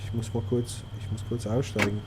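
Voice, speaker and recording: A man's voice: on the low side, little pitch movement, a little fast, a little hiss or hum. A man from Switzerland with a Swiss German accent, commenting on his own gameplay, swearing and muttering to himself. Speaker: gaming video creator.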